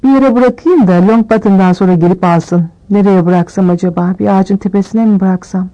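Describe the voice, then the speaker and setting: A woman's voice: mid-range voice, brisk, warm tone, lo-fi sound, lightly acted. Woman doing a sneering schoolboy bully. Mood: taunting. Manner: taunting, mocking.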